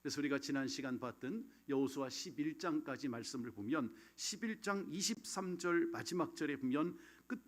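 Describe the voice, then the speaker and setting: A man preaching a sermon as pastor, telling a story in a measured, earnest way with frequent filler sounds. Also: a little high. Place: church sanctuary.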